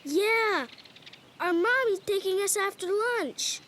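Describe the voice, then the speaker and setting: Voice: very high-pitched, slow, pushed and bright, slight background noise, full character voice. A woman voicing a friendly young boy, one of twins, in a cartoon. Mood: excited. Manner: chatty, childlike.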